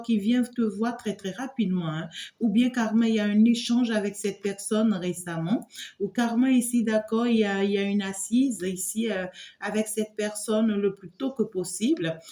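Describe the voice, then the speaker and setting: Mellow-voiced woman giving a rambling tarot reading. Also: mid-range voice, echoey room. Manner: loose and rambling, full of filler words and repeated "here"; keeps checking in with the listener. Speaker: tarot reader and medium. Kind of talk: spoken tarot reading addressed to the viewer.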